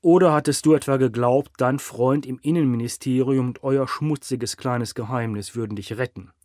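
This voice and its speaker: A ruthless construction boss turned gangster, as a male narrator puts him on, hissing and snarling his lines louder and a touch higher than the narration. The voice sits in a mid register, recorded close and dry, with no room sound. He barks orders at his henchmen with cold scorn. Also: moderate pace, dry recording, lightly acted. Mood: snapping. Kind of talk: audiobook reading.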